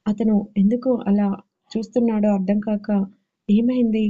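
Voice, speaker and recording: Mellow woman narrating a story. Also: mid-range voice, flat delivery, brisk, lo-fi sound.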